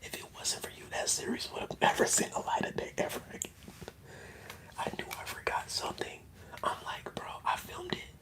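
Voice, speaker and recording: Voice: a little fast, rough recording. An ASMR streamer whispering in a casual, rambling, slangy way while chatting on a livestream. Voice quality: whispered, mostly unvoiced.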